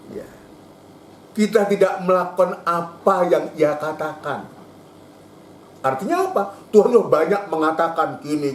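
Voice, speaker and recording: A man preaching a sermon, emphatic, repeating his phrases and climbing high when he quotes. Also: roomy sound, slight background noise. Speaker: pastor. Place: church hall.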